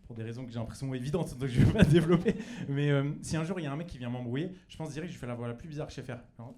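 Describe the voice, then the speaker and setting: A man's voice: medium pitch, racing, warm tone. A young man performing a stand-up comedy set in a comedy club, chatty and loose, full of fillers and restarts. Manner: loose, chatty delivery with many fillers and restarts, breaks into silly put-on voices. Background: audience laughter.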